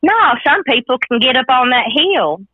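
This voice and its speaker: A woman voicing a cheeky backwoods Kentucky hillbilly caller with missing front teeth and a folksy, deadpan delivery. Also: high-pitched, moderate pace, a crowd in the background. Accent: Kentucky Appalachian. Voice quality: gap-toothed speech from missing front teeth. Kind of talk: comic in-character phone call. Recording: dull lo-fi call audio.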